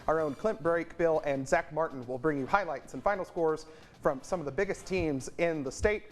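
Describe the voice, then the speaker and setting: A man's voice: a little high, normal speed, faint music behind. A man anchoring a local morning news show, joking easily with his co-host. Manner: joking, easygoing.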